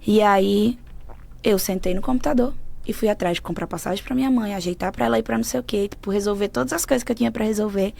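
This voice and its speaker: A woman, a podcast guest who shares a personal faith story in an earnest, emotional way that often goes soft. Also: medium pitch, fast, creaky. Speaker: podcast guest, mentor of women. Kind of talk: personal faith testimony in conversation.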